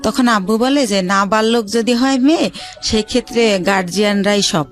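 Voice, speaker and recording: On a radio show, a woman from Bangladesh shares her life story in a medium-pitched voice, faint music behind her. Her telling is hesitant, broken by frequent pauses and fillers.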